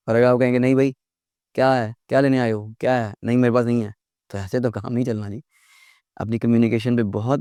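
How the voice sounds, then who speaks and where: A man's voice: medium pitch, warm tone, clear, resonant tone, no echo, clean studio sound. A middle-aged man teaching an English lesson, earnest and repeating words to drill them in.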